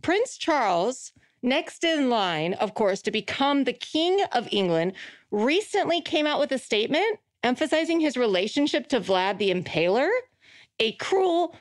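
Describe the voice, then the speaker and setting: A woman's voice: sits high, big pitch swings, unhurried, dry recording. A woman hosting a casual podcast chat, bubbly and laughing often. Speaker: podcast host.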